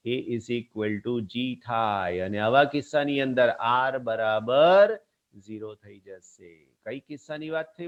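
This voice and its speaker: A man's voice: mid-range voice, muffled recording. A man giving a physics lecture. He talks fondly to his students, asks them questions and answers them himself. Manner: animated, talks warmly to students as kids. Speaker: physics teacher. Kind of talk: classroom lecture.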